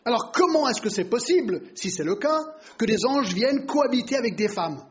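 A man delivers a Bible teaching in an explanatory way, often asking his listeners rhetorical questions. His voice sits high for a man. The recording sounds dull and lo-fi. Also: animated, fairly quick.

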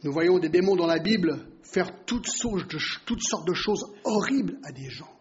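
High-voiced man teaching the Bible. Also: moderate pace. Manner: explanatory, asks the listeners rhetorical questions. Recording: dull lo-fi recording.

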